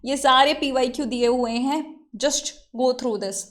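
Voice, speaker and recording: A woman, giving a brisk, chatty exam revision lesson and switching between Hindi and English. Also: high-pitched, steady tone. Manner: brisk, chatty, mixes Hindi and English, fillers like theek hai. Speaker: exam prep teacher.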